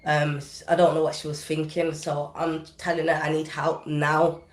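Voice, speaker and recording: A woman's voice: low voice, little pitch movement, moderate pace, reverberant. British woman telling an intense personal story. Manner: vivid, intense retelling with casual dialect grammar. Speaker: guest recording artist. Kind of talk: emotional personal storytelling in a podcast interview.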